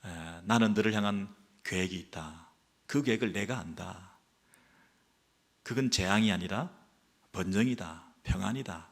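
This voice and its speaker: A male pastor preaching a sermon, who drops to hushed, slow tones when quoting God and rises loud and quick when acting out the people's complaints. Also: lowish voice.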